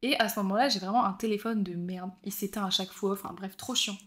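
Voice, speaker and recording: A woman's voice: mid-range voice, quick pace. A young woman co-hosting a podcast, telling a story in casual chat and acting out the people she quotes. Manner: animated, acts out quoted voices. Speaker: podcast co-host.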